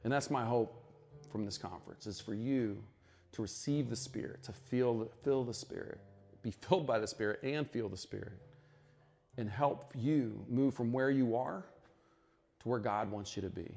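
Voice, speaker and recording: A man's voice: mid-range voice, moderate pace, vocal fry, darkish tone, faint music behind. A middle-aged man speaking earnestly at a faith conference, reflective, with frequent restarts and asides. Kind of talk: sermon-style talk at a conference.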